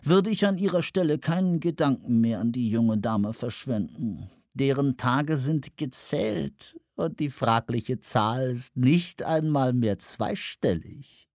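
A man voicing an oily, menacing male villain who speaks slowly and smoothly. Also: medium pitch, lively intonation, darkish tone, no room sound, clean studio sound. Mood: oily menace. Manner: slow, smooth and sinister.

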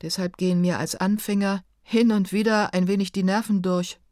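A woman reading a first-person narration in a calm, measured, reflective way. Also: medium pitch, no room sound, studio quality. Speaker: audiobook narrator.

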